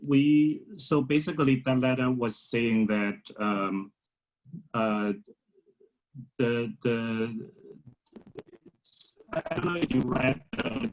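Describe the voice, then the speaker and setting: A man chairing an online meeting, talking haltingly with many fillers while his fuzzy audio keeps cutting out. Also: medium pitch. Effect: fuzzy, breaking-up call audio that cuts out. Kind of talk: online community board meeting. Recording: dull, muffled, breaking-up call audio.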